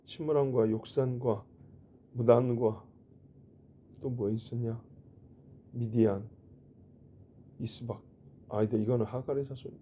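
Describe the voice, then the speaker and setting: A man's voice: medium pitch, steady tone, a little slow, long pauses, mellow, slight background noise. A middle-aged male pastor giving a sermon in a conversational way, asking rhetorical questions and making joking asides. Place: church.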